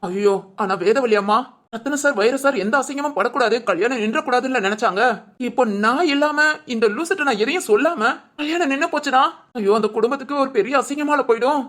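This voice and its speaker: A woman's voice: high-pitched, fairly quick, a bit bright. A woman voicing a timid, nervous young man who stammers and pleads in a cartoon. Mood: worried. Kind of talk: cartoon voice acting.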